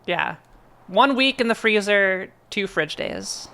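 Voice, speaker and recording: A woman's voice: mid-range voice, expressive, slow, fairly bright tone. A woman streamer chatting casually with her viewers while playing a game, rambling and answering chat.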